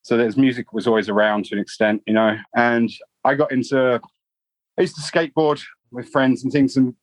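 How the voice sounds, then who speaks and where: In a low-quality recording with no room sound, a London-accented man in his forties talks fairly quickly in a mid-range voice. He's a guitarist being interviewed, loose and rambling, dropping plenty of fillers.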